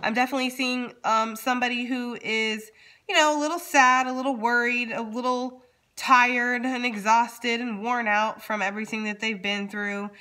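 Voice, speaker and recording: Bright-voiced woman reading tarot casually. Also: fairly high pitch, steady tone, moderate pace. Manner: informal, addresses viewers directly, frequently checks in with "okay?". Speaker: tarot reader and channel host. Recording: background noise with card shuffling and clicks.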